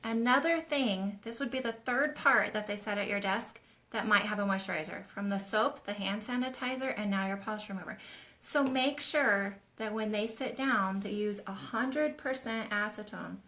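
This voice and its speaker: A woman hosts a live Q&A stream for nail techs, teaching in a loose, chatty way and demonstrating on her own nails while addressing viewers as "you guys." Her mid-range voice is bright and forward, at a moderate pace.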